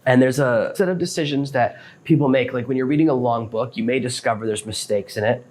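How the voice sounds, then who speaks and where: A podcast host with a medium-pitched, slightly dark voice talks a little fast. He's a self-employed author giving a casual advice monologue, walking through things step by step in a practical, matter-of-fact way.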